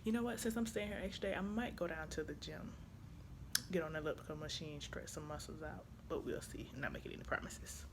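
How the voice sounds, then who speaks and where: A woman's voice: low-pitched, fast. A woman chatting casually and informally in a rambling vlog. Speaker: vlogger; truck driver. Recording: clearly noisy handheld vlog audio.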